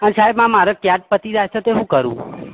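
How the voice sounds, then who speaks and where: A brisk, animated, high-pitched male voice with a rural Gujarati accent belongs to a man prank-calling a helpline as a customer. He talks in a rustic, rambling, naively pushy way. The phone recording is noisy and full of clicks.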